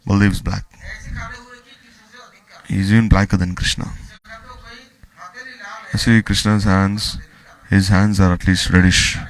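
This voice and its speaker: Deep gravelly man telling devotional stories. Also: a little mellow, low-quality recording. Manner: retells scripture stories with quoted dialogue. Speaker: spiritual teacher. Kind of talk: devotional storytelling talk.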